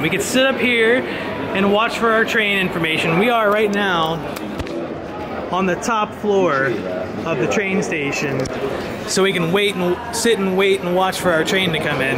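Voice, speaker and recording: A travel vlogger in his thirties films himself on a handheld camera at arm's length in a large train station, narrating casually in an excitable, wisecracking way with a high-pitched voice. Loud crowd noise fills the background, with chatter and the bustle of the station.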